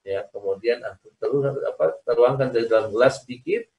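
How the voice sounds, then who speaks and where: An Islamic teacher gives an online religious lesson over a video call, explaining by repeating his points and asking listeners "ya kan?" for agreement. His voice is medium-pitched, animated, brisk and creaky, with phone-quality sound. The audio is echoey and distant.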